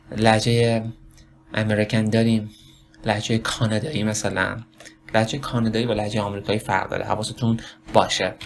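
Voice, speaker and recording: A man with a Persian accent gives a relaxed spoken lesson on English pronunciation, rambling, correcting himself, and slowly demonstrating words. His voice is fairly low, with a little hiss or hum in the background.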